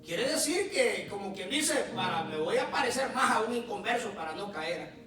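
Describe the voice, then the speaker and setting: A man preaching a sermon, pausing for effect and acting out quotes in his own voice. He stands well back from the microphone in a roomy, echoing church hall, and music plays underneath. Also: sits high, expressive, sharp tone, far from the mic. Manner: preaching with dramatic pauses and acted quotes. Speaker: pastor. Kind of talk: Spanish-language sermon. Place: church sanctuary.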